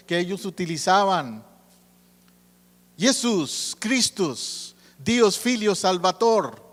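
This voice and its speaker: A man preaching a sermon as a pastor. He teaches and keeps asking the congregation questions. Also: sits high. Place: church sanctuary. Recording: church hall with long reverb.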